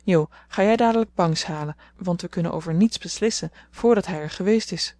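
A woman's voice: fairly low pitch, fairly quick, a little mellow, no room sound, lightly acted. A woman voicing a sensible eldest sister who speaks earnestly and in a commanding way.

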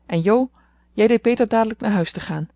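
A woman voicing a sharp-tongued, grumpy old aunt who speaks in a snappish, scolding way. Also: fairly high pitch, a little fast, no echo, pitched above the performer's own voice, natural voice.

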